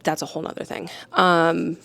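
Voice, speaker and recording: A woman's voice: lowish voice, little pitch movement, moderate pace, creaky, fairly bright tone. A young woman, an audiobook narrator, chatting in a casual, rambling, self-deprecating way at home. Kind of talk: casual vlog chat. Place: home living room.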